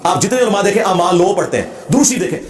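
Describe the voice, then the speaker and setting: Male religious lecturer, combative and emphatic, fast delivery, roomy echo. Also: sits high, very animated. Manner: emphatic and combative, demonstrates Arabic recitation. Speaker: religious speaker. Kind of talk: lecture answering a question.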